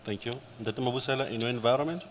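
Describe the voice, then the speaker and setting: A man moderating a panel, polite and brisk, keeping the questions moving. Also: medium pitch. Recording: echoey conference hall, faint noise.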